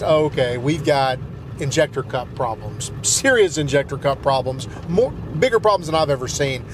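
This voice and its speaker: Rambling Southern man driving a truck. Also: a little high. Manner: rambling, hesitant with many fillers and restarts. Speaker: truck vlogger. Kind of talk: casual storytelling while driving. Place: inside a pickup truck cab, driving in snow. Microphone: dash-mounted camera. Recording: road noise behind.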